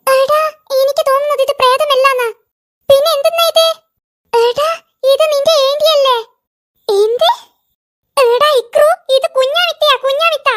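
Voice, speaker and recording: A performer voicing an excitable, nosy young boy in a cartoon, chattering out questions. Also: very high-pitched, moderate pace, pauses often. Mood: excited. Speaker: cartoon character. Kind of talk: cartoon voice acting.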